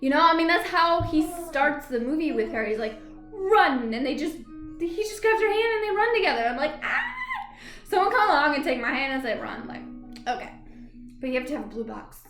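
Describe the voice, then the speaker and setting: A high-pitched woman chats loosely to camera, rambling and laughing as she goes. Her voice bounces around a noticeably echoey room, and faint music plays underneath. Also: lively intonation, fairly quick, a bit bright. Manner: chatty, rambling, often laughs and hums filler syllables. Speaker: vlogger reviewing a TV episode. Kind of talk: casual rambling chat to camera.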